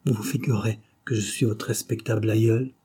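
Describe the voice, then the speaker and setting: A man's voice: on the low side, level tone, brisk, dark tone, husky. A man voicing a playful young writer. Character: young male writer, amused and tender.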